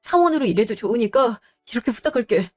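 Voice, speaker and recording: A woman's voice: on the high side, expressive, fast, soft background music. A woman voicing an unfaithful grown man who whines and begs his partner for another chance, in a storybook drama. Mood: pleading. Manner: whiny, begging.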